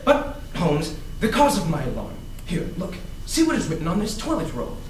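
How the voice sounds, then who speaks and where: Young man as blustering, excitable dim doctor sidekick for stage comedy, fairly high, swooping voice. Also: moderate pace. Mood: alarmed. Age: young adult. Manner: blustering, exclamatory. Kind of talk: comic readers theater on stage. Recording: noisy echoey stage recording from far off.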